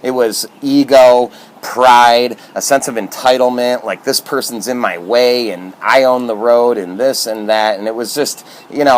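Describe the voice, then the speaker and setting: A man from Michigan giving casual motivational talk to camera as a self-help vlogger, upbeat and earnest, with plenty of fillers. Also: mid-range voice.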